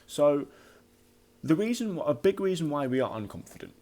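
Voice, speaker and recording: A podcast host delivers an informal motivational talk in a fairly high, very animated, slightly mellow voice. He stutters slightly now and then, and his emphatic, halting delivery repeats words.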